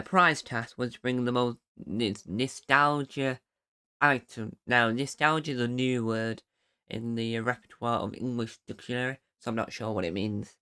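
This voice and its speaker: A man hosting his own podcast, talking in a chatty, rambling way with bursts of excited cheering. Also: medium pitch, clean tone. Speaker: podcast host. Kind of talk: casual solo podcast recap.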